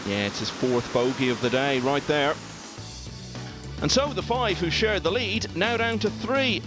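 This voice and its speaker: A man giving golf commentary as the lead voice, informative, setting out scores and player records. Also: high-pitched.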